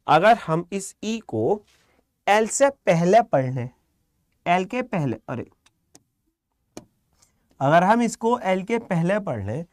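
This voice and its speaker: A man teaching a live online shorthand class, calm and encouraging, quizzing students by name. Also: high voice, no echo, clean studio sound.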